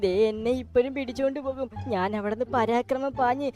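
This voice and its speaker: ഒരു സ്ത്രീ, വേട്ടയാടപ്പെടുന്ന, സംസാരിക്കുന്ന ഒരു ആൺ റേസ് കാറിന് ശബ്ദം നൽകുന്നു; അപേക്ഷിക്കുന്ന, ആത്മാർത്ഥമായ സംസാരം. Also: female voice, fairly high pitch, fairly quick, a little mellow, soft background music, close to an everyday voice. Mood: pleading. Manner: pleading, earnest. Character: anxious talking male race car, hunted.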